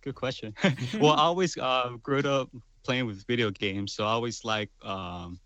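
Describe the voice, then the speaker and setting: A man's voice: mid-range voice, moderate pace, pushed and bright, no room sound. A man in his twenties, a guest musician, talking in a rambling casual way with lots of fillers. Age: 20s. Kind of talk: casual chat.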